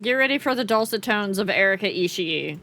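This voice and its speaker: A woman's voice: mid-range voice, expressive, fairly quick, pushed and bright. A woman hosting a game livestream, chatting to viewers in a cute, playful anime-streamer manner. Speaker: streamer, host.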